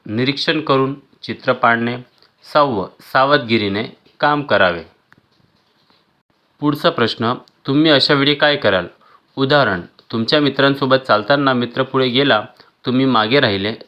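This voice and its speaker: A man's voice: mid-range voice, dull audio. Man reading school exercise answers. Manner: measured, listing answers one by one. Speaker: teacher.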